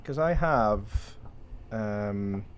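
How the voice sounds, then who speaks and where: A man's voice: fairly low pitch, animated, extremely slow, a little hiss or hum. Hesitant man thinking aloud. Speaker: player. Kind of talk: casual tabletop game chat.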